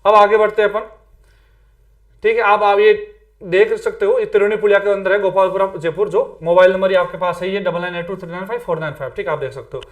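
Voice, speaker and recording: A man's voice: high-pitched, fairly even intonation, fast talker. A man teaching an exam-prep lesson in a chatty way, often tagging on "theek hai" and mixing in English words. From Rajasthan, India. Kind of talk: casual Hindi exam-prep lecture.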